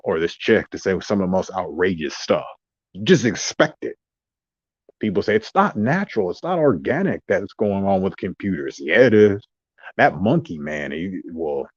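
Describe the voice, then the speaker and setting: A low-pitched man rambles through a casual monologue, wandering off into asides. The recording is dry and dull, with a lo-fi edge. He sounds like he is talking to himself as much as to viewers. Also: slightly rough, no room sound. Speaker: vlogger.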